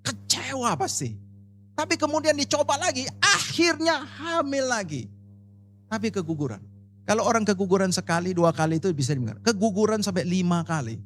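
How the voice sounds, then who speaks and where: Male pastor, high and highly animated voice, emphatic, talks straight to the congregation. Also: brisk, slight background noise. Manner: animated, emphatic preaching, addressing the congregation directly. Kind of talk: sermon with personal storytelling. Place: church service.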